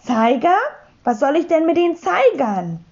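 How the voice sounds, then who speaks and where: A woman's voice: sits high, very animated, a little slow, a little mellow, dull audio, voice pushed up, full character voice. A woman voicing a sleepy, grumpy grown man who murmurs and grumbles in exasperation. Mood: indignant.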